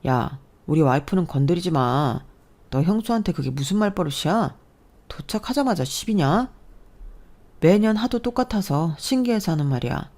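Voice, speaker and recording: A woman's voice: lowish voice, lively intonation, normal speed, darkish tone. A woman voicing a blunt, direct husband in a storybook narration.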